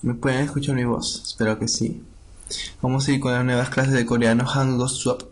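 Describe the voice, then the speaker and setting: A young man teaching a Korean language lesson, slowly reading dialogue lines and repeating them for students. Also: mid-range voice.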